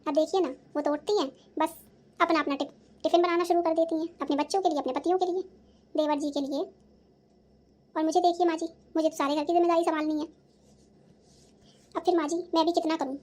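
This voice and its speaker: Lady doing a mouthy young bahu in a cartoon, talks back, high voice. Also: steady tone, fast, long pauses, darkish tone. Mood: defiant. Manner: defensive, answering back. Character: sharp-tongued young daughter-in-law who answers back. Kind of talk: cartoon voice acting.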